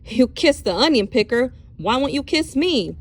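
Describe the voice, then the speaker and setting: A woman voicing a drunk, smug small-town sheriff with a slow, taunting drawl for a storybook. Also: high-pitched, sing-song, pitched above the performer's own voice. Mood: leering.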